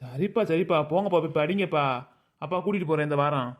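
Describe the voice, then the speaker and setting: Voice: medium pitch, quick pace, lightly acted. A performer voicing a patient, henpecked village husband in a cartoon, pleading and placating in a Madurai Tamil accent. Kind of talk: cartoon voice acting.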